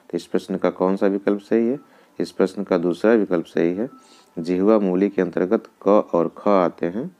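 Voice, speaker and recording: A man teaching a grammar lesson in quiz form, asking each question and then answering it himself, repeating the key points slowly. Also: deep voice, a little mellow, dull audio.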